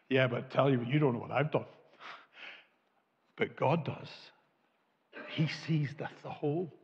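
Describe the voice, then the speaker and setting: Animated preacher in an echoing hall. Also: male voice, mid-range voice. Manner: animated, gesturing widely, rising to emphatic peaks and dropping to quiet asides. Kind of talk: sermon. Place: church hall with a lit tree behind a lectern. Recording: muffled, with long hall reverb.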